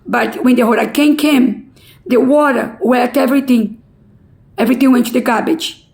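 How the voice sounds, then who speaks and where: An older woman from Brazil with a Brazilian Portuguese accent, giving an emotional personal testimony in halting, broken English. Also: high voice, steady tone, creaky, darkish tone.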